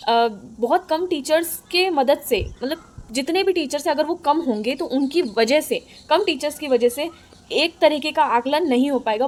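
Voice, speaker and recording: High-pitched woman teaching an exam class. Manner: explains step by step, restating each point with fillers. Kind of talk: exam-prep lecture.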